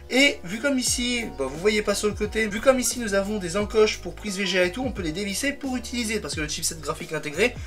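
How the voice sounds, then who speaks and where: A man's voice: high-pitched, fairly bright tone. Rambling French-speaking man, tech vlog. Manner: rambling, self-correcting, fond of "donc". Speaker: tech video creator. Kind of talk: casual hands-on tech vlog.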